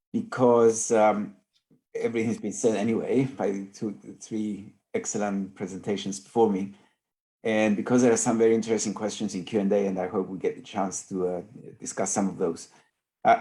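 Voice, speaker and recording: Hesitant man, lowish voice. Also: a little mellow. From Cyprus. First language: Greek. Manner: hesitant, many fillers. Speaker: panellist. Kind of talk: unscripted talk. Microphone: video call.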